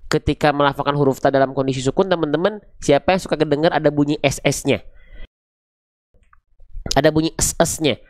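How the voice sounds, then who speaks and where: A man teaching Quran recitation, patiently repeating and drilling syllables slowly. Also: a little high, fairly even intonation, no room sound, clean studio sound. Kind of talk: online pronunciation lesson.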